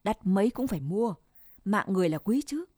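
A woman's voice: medium pitch, animated, brisk, warm tone, dry recording, studio quality, natural voice. A woman reading the part of a stern, insistent old grandmother in a told story, speaking firmly. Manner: firm, scolding.

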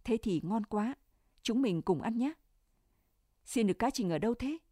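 A woman's voice: a little high, animated, normal speed, dark tone, dry recording, studio quality. A woman voicing a feverish, tender young male soldier in a storybook reading, speaking earnestly with concern.

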